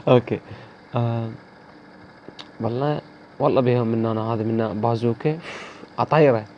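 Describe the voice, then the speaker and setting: A man's voice: medium pitch, steady tone, normal speed, long pauses, a little mellow, lo-fi sound, slight background noise. A man with an Iraqi accent commenting live on his gameplay, teasing opponents and chatting to viewers. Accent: Iraqi Arabic. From Iraq. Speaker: gaming video host.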